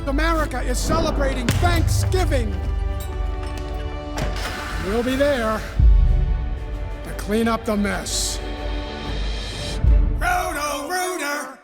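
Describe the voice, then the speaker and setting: A man playing an over-excited announcer in a comic holiday commercial, with dramatic, drawn-out delivery. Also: very high voice, loud music behind the voice, full character voice. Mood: hyped, dramatic. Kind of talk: TV commercial acting.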